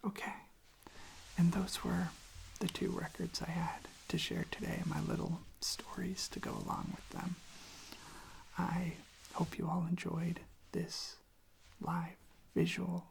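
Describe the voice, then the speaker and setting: Close to the microphone, a relaxation-channel host shows off records while rambling casually in a breathy, husky whisper. The mid-range voice stays level and slow, with frequent pauses and a gentle, hesitant, self-deprecating manner. The audio quality is poor.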